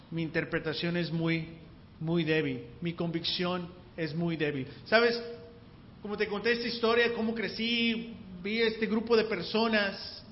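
High-voiced man preaching slowly in a reverberant hall. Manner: conversational, keeps asking the listeners "you know?"; slow and deliberate, stretching key words. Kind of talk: church sermon. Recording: long hall reverb, dull lo-fi sound, faint background noise.

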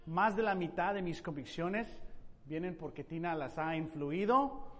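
A man preaching a sermon in an emphatic way, with sudden loud rising questions. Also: fairly high pitch, lively intonation, a little slow, big-room sound. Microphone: microphone.

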